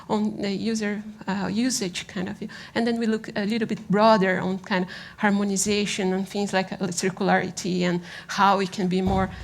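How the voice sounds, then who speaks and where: A Brazilian woman whose first language is Portuguese gives an informal design conference presentation in a Brazilian accent. She speaks at a medium pitch in a halting, conversational way, frequently checking in with her listeners.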